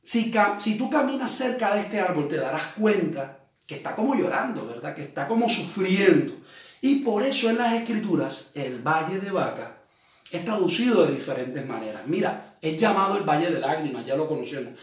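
A man preaching a sermon, reading scripture slowly and explaining it conversationally, often checking in with rhetorical questions. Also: on the high side, big pitch swings. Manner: reads scripture aloud slowly, then explains it. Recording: very echoey room, voice from a distance.

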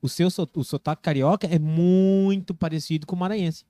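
A Brazilian man with a fairly high voice, hosting a casual podcast in a dry room. He talks informally and with plenty of slang, often doubling up on his phrases. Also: fairly even intonation, brisk, warm tone, no room sound. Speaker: podcast host.

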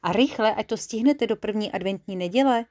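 A woman voicing a kindly old female linden tree in a children's storybook, explaining things gently and patiently. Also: mid-range voice, close to an everyday voice. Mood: encouraging. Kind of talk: storybook character voice.

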